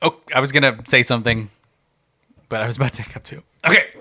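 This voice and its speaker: A man's voice: mid-range voice, fast talker. A man hosting a casual podcast chat, laughing often and talking through a case of hiccups. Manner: laughs often, animated and self-deprecating. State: has hiccups. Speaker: podcast host.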